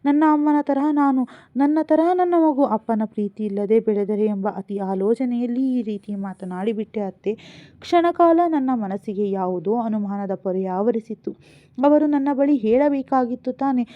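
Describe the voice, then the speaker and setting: A woman's voice: on the high side, normal speed, dry recording, natural voice. A woman reading the lines of a young pregnant wife who pleads and apologises through tears. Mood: pleading. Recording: phone-like narrow sound.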